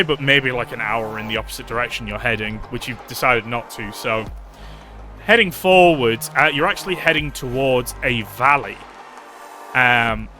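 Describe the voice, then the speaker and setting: A man's voice: mid-range voice, pushed and bright. A man narrating a tabletop game as game master on a live stream, chatty and loose. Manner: chatty and loose, with many fillers.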